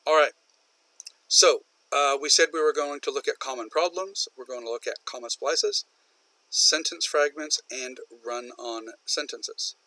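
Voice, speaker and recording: A man's voice: mid-range voice, unhurried, bright, forceful tone, no room sound, rough recording. A man lecturing a university business English class, patiently repeating and stressing example sentences. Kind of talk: recorded online lecture.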